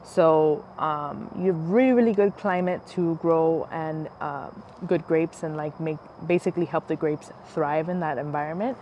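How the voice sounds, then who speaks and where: A US woman whose first language was Spanish hosts a casual wine podcast, chatting along with lots of "like"s and "um"s and hardly any pauses. Her low voice moves at normal speed on a muffled recording, with faint background noise and an airplane passing.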